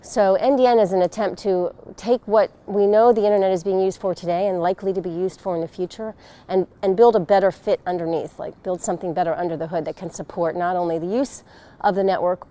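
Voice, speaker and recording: A woman's voice: on the low side, fairly even intonation, quick pace, dark tone. A middle-aged woman interviewed outdoors on a lapel mic, explaining a technical subject thoughtfully and with emphasis. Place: outdoors in a leafy garden.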